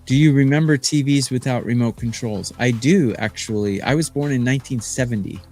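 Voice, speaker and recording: A man's voice: medium pitch, a little fast, a little mellow, soft background music. A man in his fifties from Arizona, a sports betting handicapper talking on a live stream in a boastful, rambling way with lots of fillers. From Phoenix, Arizona. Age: 50s.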